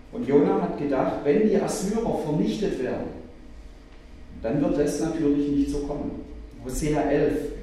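A man preaching a sermon, earnest and animated, telling a story with emphatic rises. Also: a little high, slight background noise. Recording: echoey hall, voice from a distance.

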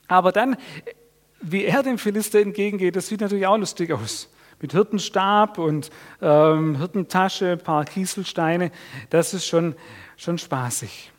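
A man preaching a sermon, telling a Bible story in a lively way and putting questions to his listeners. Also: high-pitched, measured pace. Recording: long reverb of a hall.

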